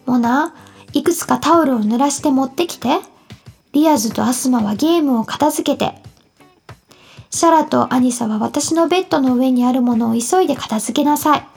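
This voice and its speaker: A woman's voice: high voice, gravelly, darkish tone. Give me a woman doing a strict mother voice, firm and instructive. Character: stern but caring mother of five.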